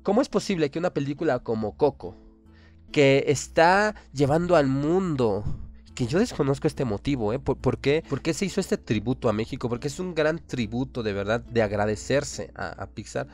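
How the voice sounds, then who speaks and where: A Mexican-accented man hosts a talk show and rants with passion. His voice sits at an ordinary middle pitch, and he fires off one rhetorical question after another. Faint music plays softly behind him. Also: expressive, normal speed. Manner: impassioned, ranting, full of rhetorical questions. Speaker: radio show host. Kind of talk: opinionated monologue.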